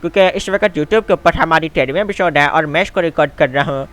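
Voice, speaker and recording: A man hosting a game video, chatting casually and excitedly, calling his viewers "my son". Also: fairly high pitch, fast. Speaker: gaming channel host. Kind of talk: casual game commentary and role-play.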